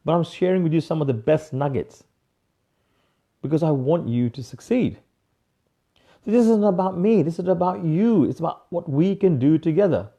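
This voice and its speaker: A man giving an energetic live motivational coaching talk, emphatic, repeating key phrases and calling viewers by name. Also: on the high side, moderate pace, highs cut off.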